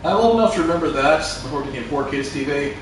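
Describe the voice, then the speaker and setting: Animated high-voiced man in casual game chat. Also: quick pace, a little hiss or hum. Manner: animated, rambling storyteller. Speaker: gaming video co-host. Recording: echoey room, distant mic, faint music.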